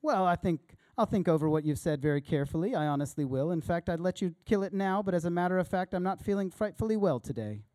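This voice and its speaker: A man's voice: high-pitched, expressive, fast, few pauses, no echo, clean studio sound. A man reading as a timid, fussy ghost. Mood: pleading. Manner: apologetic, hesitant, soft-spoken. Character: timid, fussy male ghost making excuses. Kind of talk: reading a story aloud in a sermon.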